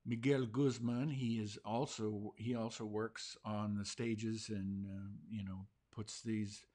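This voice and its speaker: Man, talk show host, low voice, rambling, lots of fillers. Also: little pitch movement, slow, dark tone. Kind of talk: casual talk show chat.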